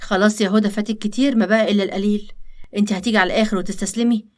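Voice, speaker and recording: Egyptian guy talking his girl down, woman voicing, cautious, fast. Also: mid-range voice, fairly even intonation, close to an everyday voice. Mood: calming. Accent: Egyptian Arabic. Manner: reassuring, practical. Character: cautious young man, calming his partner.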